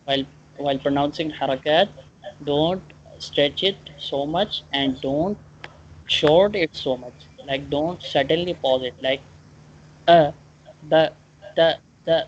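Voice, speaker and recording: A Quran teacher giving a one-on-one online lesson, explaining and drilling pronunciation haltingly, repeating points and often checking understanding. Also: mid-range voice. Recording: dull lo-fi online call, clear background noise.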